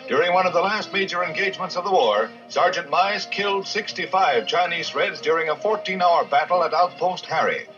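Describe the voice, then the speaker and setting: A man's voice: sits high, a little fast, few pauses, music in the background. A man narrating an old newsreel in a formal announcing manner, with a dull archive soundtrack.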